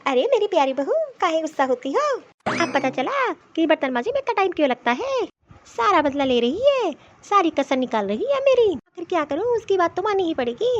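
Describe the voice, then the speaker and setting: Woman putting on a tired old cartoon saas, mutters and grumbles, high voice, muffled lo-fi audio. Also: very animated, a little fast. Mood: weary. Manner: muttering complaints to herself. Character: elderly mother-in-law, weary, grumbling, bullied. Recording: dull lo-fi sound.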